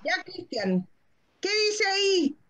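A woman kindergarten teacher, slowly sounding out syllables for small children over a video call and encouraging them patiently. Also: very high voice, sing-song, a bit bright. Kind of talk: online phonics lesson for young children.

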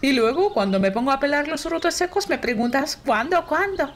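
A woman's voice: high-pitched, animated, brisk, a little hiss or hum. An actress voicing an affectionate older mother and grandmother in a dubbed film drama. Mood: teasing, curious.

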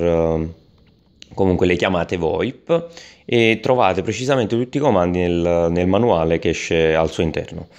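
Male gadget reviewer, deep register, halting delivery full of "eh" and restarts. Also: darkish tone. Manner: hesitant, many fillers and restarts. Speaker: tech product reviewer. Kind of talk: unscripted product review voice-over.

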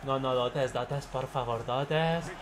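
A young man streaming a football video game live, chatty and excitable, greeting viewers by name as he plays. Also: medium pitch, slow pace, noisy background. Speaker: gaming streamer. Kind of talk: live gameplay commentary with chat shout-outs.

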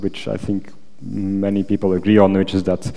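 A man's voice: low voice, flat delivery, normal speed, gravelly, mellow. A man answering academic questions at a thesis defense, hesitant and hedging with many qualifications. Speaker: PhD candidate answering examiner questions. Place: large wooden lecture auditorium. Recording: echoey lecture hall, long reverb.

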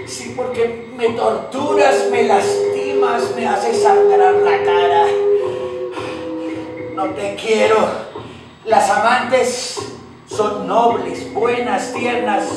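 A Colombian man plays a tormented man raging at his mask, declaiming in slow, drawn-out phrases on a live theater stage. His voice sits very high for a man. The sound comes from far off, very echoey, with loud music underneath. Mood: anguished. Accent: Colombian Spanish. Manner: declamatory, with stretched pauses. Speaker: stage actor. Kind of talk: theatrical monologue.

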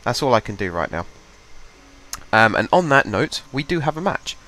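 Congested from a cold, a young man hosting a gaming channel narrates his own gameplay into a desk mic at home, chatting loosely and thinking out loud. His medium-pitched voice is very animated, pushed and bright, at a moderate pace.

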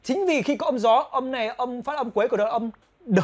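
A man with a Vietnamese accent teaching English pronunciation, repeating English phrases slowly between explanations. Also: very high voice. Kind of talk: pronunciation lesson.

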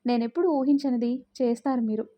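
Storybook young mother, gentle and polite, read by a woman, highish mellow voice. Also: fairly even intonation, quick pace, close to an everyday voice. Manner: polite, soft-spoken.

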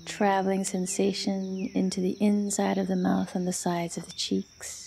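A woman leading a guided yoga nidra meditation as an instructor, speaking softly and soothingly in short phrases with long pauses. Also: mid-range voice, completely flat delivery, gravelly, a little hiss or hum.

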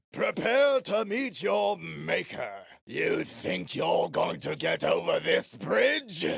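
A man voicing a pompous, hostile bandit boss in a video game, declaiming in mock-archaic style with a gravelly voice. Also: high voice, fairly bright tone, no echo, clean studio sound, full character voice. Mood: menacing, sneering. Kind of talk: video game villain lines.

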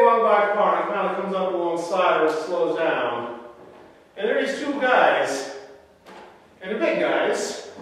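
A male pastor telling a story in a lively sermon, acting out the scenes as he goes. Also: high-pitched. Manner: animated storyteller, acts out scenes with shifting voice. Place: church sanctuary. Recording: echoey church hall from far off.

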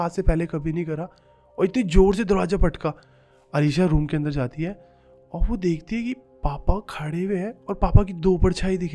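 A man's voice: on the high side, dark tone. A man casually telling a horror story in a conversational way, narrating events in the present tense.

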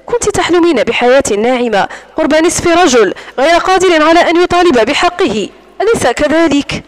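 A domineering wealthy man who sneers and taunts, voiced by a woman narrating an audiobook. He speaks coldly and controllingly, and the voice stays quite high. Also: animated, fairly quick, poor audio. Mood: mocking. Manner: mocking, cold and controlling.

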